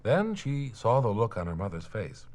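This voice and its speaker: Deep-voiced man reading a children's story. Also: huge pitch swings, moderate pace. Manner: gentle, playful storytelling. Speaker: narrator. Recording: old mono vinyl record.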